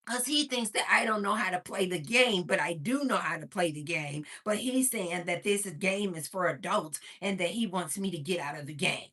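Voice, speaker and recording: A woman's voice: lowish voice, expressive, normal speed, hardly any pauses, fairly bright tone, breathy edge, pitched below the performer's own voice. A woman voicing a small boy who earnestly explains himself in a matter-of-fact way.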